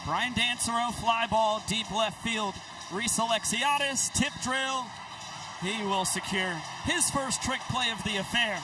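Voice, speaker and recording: A man's voice: very high voice, a little slow, far from the mic, noisy background. A man calling a baseball game as a play-by-play broadcaster, in short punchy phrases. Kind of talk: sports play-by-play commentary.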